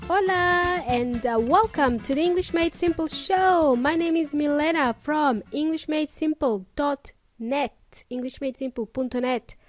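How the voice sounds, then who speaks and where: A high-voiced woman hosts a friendly English-teaching podcast lesson, her Eastern European accent carrying traces of New Zealand and Australia. She speaks at a measured pace with few pauses, faint music behind her. Upbeat, she addresses listeners directly and drops in Spanish asides.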